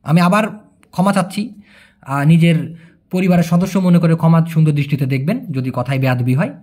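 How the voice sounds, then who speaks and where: A man teaching a casual language lesson, chatty and joking, often asking his listeners whether it is clear. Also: a little high, a little fast, darkish tone. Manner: chatty, explains with repeated questions and jokes.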